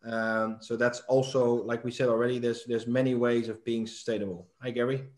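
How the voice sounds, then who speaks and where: A man's voice: medium pitch, little pitch movement, normal speed, a little mellow, roomy sound. A middle-aged man hosting a live online talk show over a video call, with many fillers and repeated words. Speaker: host. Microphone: webcam on video call.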